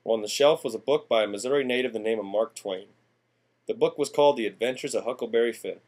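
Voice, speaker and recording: A man's voice: mid-range voice, fast talker, darkish tone, close to an everyday voice. A man playing a folksy, rambling small-town man from the 1890s, talking through an acted class monologue. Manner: folksy and rambling, drawling country slang. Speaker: student presenter in character.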